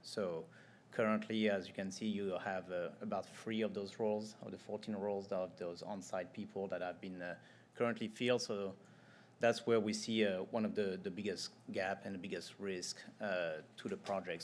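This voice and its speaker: Low-voiced man presenting a consultant report. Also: fairly even intonation, slight background noise. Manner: explanatory, measured, with fillers. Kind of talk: formal presentation at a public meeting.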